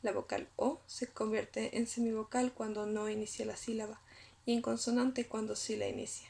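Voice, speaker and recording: A woman whose first language is Spanish, reading a scripted lesson and sounding out syllables slowly. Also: on the high side, little pitch movement, vocal fry, a little mellow, slight background noise. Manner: reads carefully, spells out syllables slowly. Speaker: student presenter.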